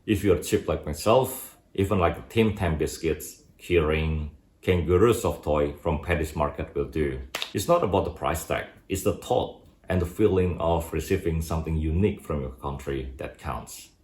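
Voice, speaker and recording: A man's voice: extremely low pitch, normal speed, darkish tone. A man from Indonesia with an Indonesian accent, hosting a scripted advice video and speaking directly to viewers. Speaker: YouTube host. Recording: roomy indoor echo.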